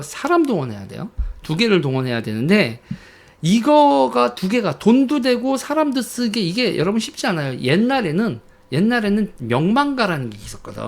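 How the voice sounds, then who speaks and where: Animated high-voiced man commenting. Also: moderate pace, creaky. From Chungcheong, Korea. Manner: animated storytelling, acting out quoted villagers. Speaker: political commentator. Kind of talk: casual political commentary.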